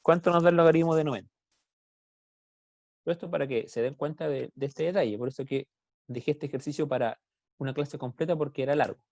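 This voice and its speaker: A man's voice: on the high side, fast, pauses often, a little mellow, no room sound, lo-fi sound. A man with a Chilean Spanish accent teaching a math class on a video call, explaining step by step and asking students questions. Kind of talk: online class lecture.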